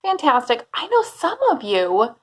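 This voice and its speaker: A woman's voice: a little high, sing-song. A woman preschool teacher speaking to young children like a school assembly speaker, in a cheery sing-song, chatty way with questions to her listeners. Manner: cheery sing-song greeting, asks questions and pauses for answers; casual, chatty, talks directly to pupils by name.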